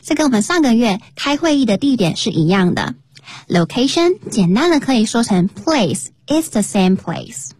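A woman's voice: fairly high pitch, very animated, moderate pace, a little mellow, no room sound. A woman co-hosting a radio English lesson, reading dialogue lines and explaining them carefully. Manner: clear, careful explanations, spells words out. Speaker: English teacher, radio co-host. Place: radio studio.

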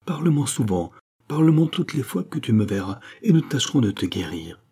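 A man's voice: mid-range voice, very animated, brisk, warm tone, husky, voice pushed up. A man reading an audiobook, voicing an emotional, pleading middle-aged doctor who is a father. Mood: tender. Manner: emotional, pleading, rising to outbursts.

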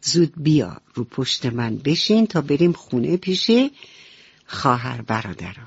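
A gentle, caring mother duck, as a woman storyteller puts her on speaks softly in a lowered, husky voice. The sound is dry and close. It has the muffled tone of an old radio recording. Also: big pitch swings, no echo, exaggerated voice. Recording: dull radio recording, faint music.

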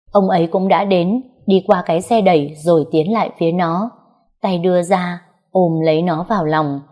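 A woman narrating a novel in a soft, even storytelling manner, reading the characters' dialogue quietly. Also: fairly low pitch. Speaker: audiobook narrator.

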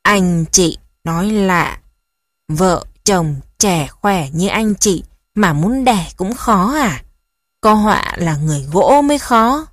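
A domineering old countrywoman wails and scolds in a loud, carrying lament, as a woman narrator puts her on. The lines come out drawn-out and heavy, recorded close and dry. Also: medium pitch, lively intonation, no echo. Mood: scornful. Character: elderly rural mother-in-law, wailing and domineering.

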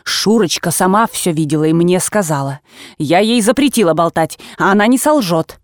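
A woman voicing an agitated, blunt old aunt in an audiobook, with sharp exclamations that jump from low mutters to high cries. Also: expressive, moderate pace, no room sound, studio quality, natural voice. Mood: scolding. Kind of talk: audiobook character reading.

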